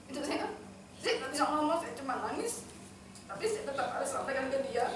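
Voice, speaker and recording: A woman speaks earnestly, telling a heartfelt testimony to a church gathering. Her voice sits a little high. She is heard from a distance in a very echoey hall, with steady background noise. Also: brisk. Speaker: church member giving testimony. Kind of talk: personal testimony to a congregation. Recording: echoey hall, mic far off, noisy.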